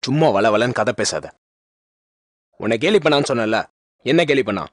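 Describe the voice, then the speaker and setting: A man's voice: mid-range voice, lively intonation, moderate pace, dry recording, studio quality, natural voice. An actor playing a blunt young male student who scolds a girl in a TV serial. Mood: scolding. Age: young adult. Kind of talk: TV serial acting. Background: background music.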